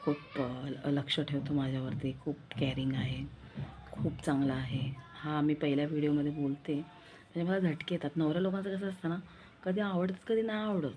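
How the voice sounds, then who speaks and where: A woman's voice: low voice, steady tone, moderate pace, mellow, a little hiss or hum. A young woman with a Marathi accent chatting in a rambling, confiding vlog style, repeating herself as she talks. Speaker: vlogger. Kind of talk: casual vlog chat.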